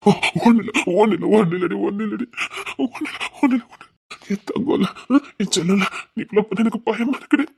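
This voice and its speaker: A woman's voice: mid-range voice, quick pace, gravelly, dark tone, slight background noise, lightly acted. An actress playing a devoted woman who soothes and pleads with a grieving friend, with a Tirunelveli Tamil accent and frequent repeated reassurances. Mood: pleading, soothing. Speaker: close companion consoling a grieving woman. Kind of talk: emotional web drama acting.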